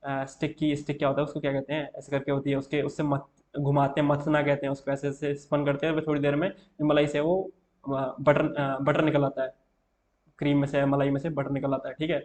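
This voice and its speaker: Young man, slightly high voice, casual exam tutor, chemistry lesson, keeps checking in with students. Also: level tone, fairly quick, a little mellow. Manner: casual, repeats "theek hai" often, writing on board. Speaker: teacher.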